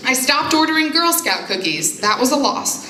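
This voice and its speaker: A woman's voice: sits high, very animated, moderate pace, heavy background noise. A young woman giving a candid personal speech to a live audience from a stage, with self-deprecating humor. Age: young adult. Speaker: foundation spokesperson. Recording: echoey room.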